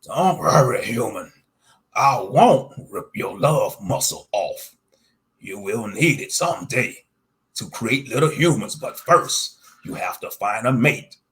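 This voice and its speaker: A man voicing a blunt, teasing, hairy Sasquatch with slow, drawn-out, bellowing talk in a narrated monster story. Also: medium pitch, animated, a bit bright. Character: hairy male Sasquatch creature, blunt, teasing, tea-loving.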